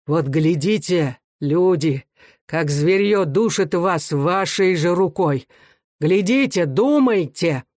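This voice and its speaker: A man's voice: sits high, lively intonation, takes it slowly, a little mellow, no echo, clean studio sound. A man reading aloud voices a defiant bearded peasant who speaks firmly in a raised, accusing voice. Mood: preaching.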